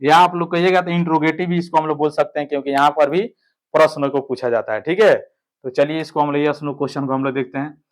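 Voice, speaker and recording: A man's voice: a little high, fairly even intonation, quick pace. Man teaching grammar, step by step. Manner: explains step by step, keeps checking with "ठीक है". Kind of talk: online grammar lesson.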